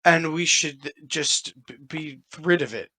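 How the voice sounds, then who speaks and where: A man's voice: on the high side, measured pace, sharp tone. A man playing a tabletop game, talking in an emphatic, argumentative way. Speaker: player. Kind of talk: casual tabletop play.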